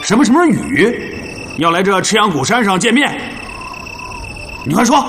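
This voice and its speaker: An actor playing a brash, impatient soldier in a TV drama, talking bluntly and colloquially with a needling, mocking edge. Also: male voice, high voice, very animated, moderate pace, fairly bright tone, faint music behind, full character voice. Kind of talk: television drama acting.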